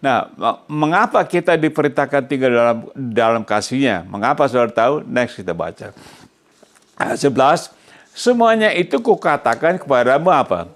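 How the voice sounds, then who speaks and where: A man's voice: mid-range voice, lively intonation, normal speed. A male pastor preaching a sermon who keeps quizzing his congregation mid-sentence and drops English phrases into his emphatic preaching.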